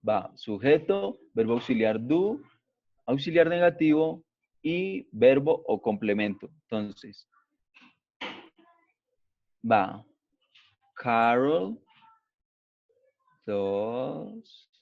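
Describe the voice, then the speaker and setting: Slow, patient male teacher, lo-fi. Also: medium pitch, animated, creaky, dry recording. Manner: patient, explanatory, keeps checking understanding. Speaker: English teacher. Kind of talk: remote class explanation. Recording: dull lo-fi recording.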